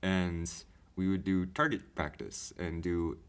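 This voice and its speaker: A man's voice: sits low, flat delivery, slow pace, smooth. A man on a podcast panel casually telling an anecdote in a colloquial way, often checking with "right?".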